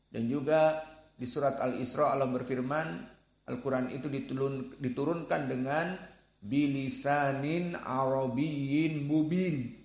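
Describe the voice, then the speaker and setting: A man giving a religious lesson, speaking slowly and deliberately and sounding out Arabic syllables. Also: medium pitch, fairly even intonation, roomy sound. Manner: slow, deliberate, demonstrates Arabic sounds aloud. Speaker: Quran recitation teacher.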